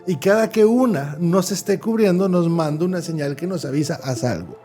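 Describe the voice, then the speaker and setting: A man, talking fast and animatedly as host of a psychology talk, full of vivid examples. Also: sits high, dark tone, faint music behind.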